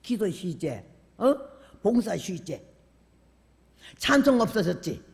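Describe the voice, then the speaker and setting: An older woman preaching a revival sermon in a church, her voice gravelly and worn. She talks in an animated, colloquial way and acts out conversations as she goes. Her voice rings with a long reverb through the hall. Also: mid-range voice, takes it slowly. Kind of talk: sermon with personal storytelling. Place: church sanctuary.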